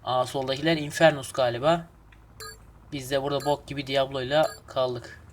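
A man casually commenting on his game as he plays, excitable and swearing at the traffic. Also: mid-range voice, moderate pace. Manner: excitable, swears and grumbles at traffic, hums snatches of folk song. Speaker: gaming channel host. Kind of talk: casual let's play commentary.

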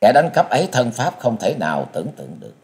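A man reading a martial-arts novel aloud as an audiobook, in an expressive, dramatic storytelling manner. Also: on the low side, fast. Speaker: audiobook reader.

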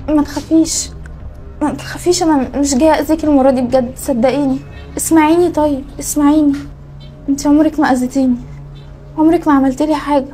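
An actress playing a jealous young Egyptian wife who is curt and sharp with guests, speaking with an Egyptian Arabic accent. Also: female voice, high-pitched, fairly even intonation, fast talker, faint music behind, lightly acted. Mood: pleading, remorseful. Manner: sharp and curt, then pleading. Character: jealous scheming young wife turning remorseful. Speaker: wife in a family drama. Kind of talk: Egyptian web drama acting.

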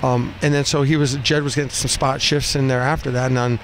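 This is an unscripted postgame interview with a hockey coach, a man in his fifties whose medium-pitched voice comes out blunt and stop-start, phrases often repeated. Captured on a headset boom mic, it takes place in a small cinder-block room indoors at a rink, with noisy arena din running steadily underneath.

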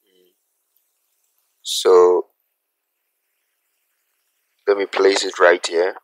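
A man teaching a graphic design software tutorial, talking through each step slowly and checking in with "okay?" as he goes. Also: sits low, monotone, no room sound, low-quality recording. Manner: unhurried, repeats steps, asks "okay?" often. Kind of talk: screen-recorded software tutorial.

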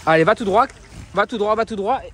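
High-voiced French man coaxing a child. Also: brisk, a little hiss or hum. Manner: repetitive coaxing calls to a child, often laughing. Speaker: father filming his daughter. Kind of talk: family vlog narration. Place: sandy beach by the sea, outdoors.

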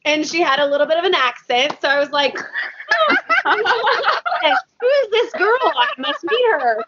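A woman hosting a podcast, telling stories in a lively way and acting out what people said. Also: very high-pitched, slow, very noisy. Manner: animated storyteller who acts out quotes. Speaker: podcast host. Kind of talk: casual podcast chat. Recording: dull lo-fi audio.

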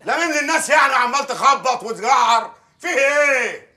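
An actor playing a lecherous, bullying village mayor, wheedling one moment and blustering the next. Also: male voice, extremely high pitch, animated, fairly quick, bright, forceful tone, heavily acted. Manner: wheedling, then blustering and threatening. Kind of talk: film acting.

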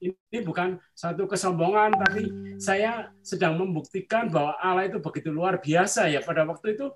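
A man's voice: high voice, moderate pace, over loud music. A man giving an earnest personal faith testimony over a video call, often addressing his listeners directly. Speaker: church testimony speaker.

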